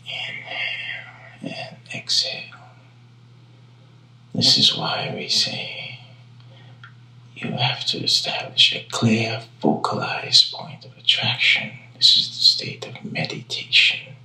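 A man leads a slow guided meditation, his voice calm, hushed and often breathy as he draws out long, unhurried phrases. The recording carries a roomy echo, with music and singing bowl tones behind him.

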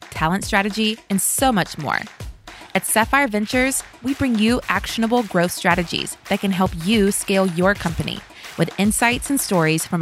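A woman's voice: medium pitch, a bit bright. A woman reading a podcast's scripted intro and disclaimer, polished and upbeat. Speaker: podcast announcer. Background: faint music.

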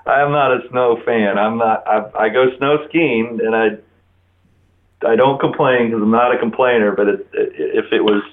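A man's voice: mid-range voice, normal speed. A man in his forties from Florida, talking casually as a guest on a telephone line. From Florida, United States. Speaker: interview guest. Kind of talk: casual chat. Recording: narrow-band telephone line.

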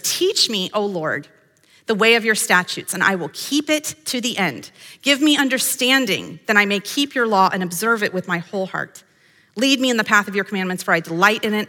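A woman with a medium-pitched, sharp-toned voice sounds like she's in a big room. She hosts a devotional podcast as a Bible teacher, instructing women from scripture in an earnest, emphatic manner. She reads verses aloud and quotes imagined voices.

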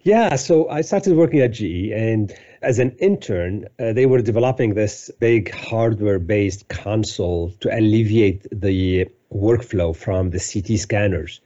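A man in his fifties from Lebanon answers interview questions in a relaxed, detailed way. His voice is low and mellow, and the sound is slightly muffled. He pauses now and then with "uh" and "um" as he builds his story. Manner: detailed storytelling with frequent fillers. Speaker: guest, company CEO.

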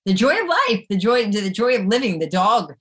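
A woman's voice: mid-range voice, very animated, moderate pace, a bit bright. A middle-aged woman physician, talking animatedly in an interview and repeating words as she gets going. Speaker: physician guest. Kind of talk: conversational interview.

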